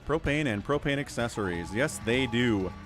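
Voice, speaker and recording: A man's voice: medium pitch, lively intonation, unhurried, faint music behind. A man giving casual, wry livestream commentary on a strategy game, with chatty asides.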